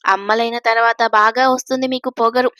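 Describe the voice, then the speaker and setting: Woman doing a young husband in a storybook reading, playful and a bit sulky, wanting his wife's attention, high voice, dry close sound. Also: steady tone, brisk, a bit bright, no room sound, natural voice. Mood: teasing sulky. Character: affectionate teasing young husband.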